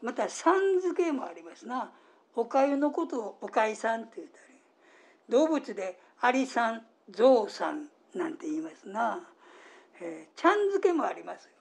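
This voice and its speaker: A woman with a Kansai accent hosting a radio talk, explaining in a gentle, unhurried way with soft fillers. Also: fairly high pitch, sing-song, vocal fry. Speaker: radio host.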